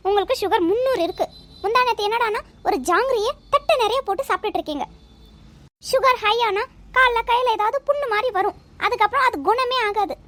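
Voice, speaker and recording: A woman's voice: very high voice, a little fast, a bit bright. Woman voicing a nagging cartoon son. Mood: exasperated. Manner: lecturing, nagging. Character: dutiful grown son, lecturing and exasperated. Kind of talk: cartoon voice acting.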